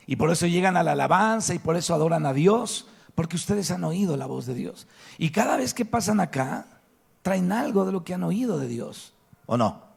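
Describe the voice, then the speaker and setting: A pastor with a Mexican Spanish accent preaches to his congregation in a church hall, emphatic and asking rhetorical questions. His high-pitched voice is creaky and slightly rough, with lively intonation and a normal speed.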